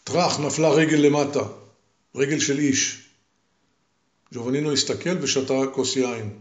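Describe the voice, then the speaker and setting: An older man, a grandfather, telling a story to his grandchildren slowly and with repetition. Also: mid-range voice, reverberant. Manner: slow, deliberate, with repetition.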